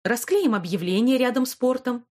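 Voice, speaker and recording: A firm, loving old grandmother, stern when she scolds and gentle when she reassures, as a woman voices her in an audiobook. Her steady voice dips a little lower and softer in the tender moments. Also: normal speed, lightly acted. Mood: reassuring. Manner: warm but stern, reassuring. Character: caring, firm elderly grandmother. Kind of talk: audiobook character voice.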